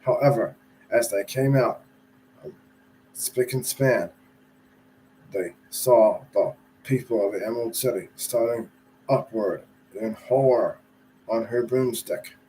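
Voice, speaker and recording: A man reading a storybook aloud in a relaxed, chatty way, sometimes stumbling and rereading a phrase. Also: lowish voice, slow pace, long pauses, slight background noise, low-quality recording. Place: at home.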